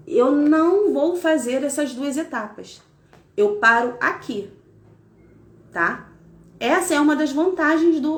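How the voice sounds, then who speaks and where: A middle-aged woman with a Brazilian accent, a literacy teacher who patiently explains an activity step by step, sounding syllables out slowly. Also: sits high, echoey room. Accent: Brazilian Portuguese. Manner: patient, explains step by step, frequent tag questions. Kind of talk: instructional demonstration.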